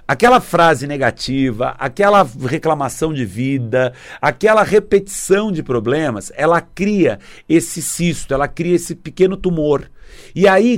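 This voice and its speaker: A man talks casually to his viewers about spiritual energy. His voice sits a little high and leaps around in pitch as he acts out small scenes. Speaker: spiritual talk presenter.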